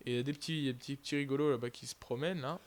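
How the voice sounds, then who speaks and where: A man's voice: mid-range voice, steady tone, racing. A young man giving casual, rambling live commentary over his own gameplay, with lots of fillers and restarts. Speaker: gaming YouTuber.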